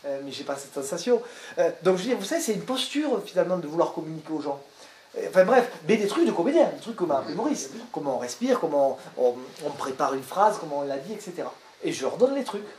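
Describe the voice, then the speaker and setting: A man, an actor, telling a personal story to an audience in a lively way and often repeating words as he searches for them. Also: a little high, fast talker, echoey room. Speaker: stage actor and director.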